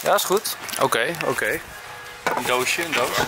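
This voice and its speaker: A man's voice: mid-range voice, animated, measured pace, vocal fry. A young man chatting casually to a handheld camera in a large store, teasing and exclaiming as he goes. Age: young adult. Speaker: vlogger. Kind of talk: casual chat. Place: large wholesale supermarket, indoors. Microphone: handheld camera at arm's length. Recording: very noisy shop ambience.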